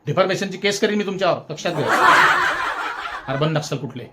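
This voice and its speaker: High-voiced man in mocking satirical rant. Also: lively intonation, fairly quick, very noisy. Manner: sarcastic mock-scolding, repeats jeering taunts; chuckles while speaking. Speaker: satirical news commentator. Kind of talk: satirical political commentary.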